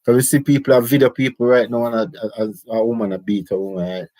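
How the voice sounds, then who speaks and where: A man's voice: medium pitch, level tone, fast, dark tone, no room sound. A middle-aged Jamaican man telling his life story in casual, rambling patois. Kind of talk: casual autobiographical chat.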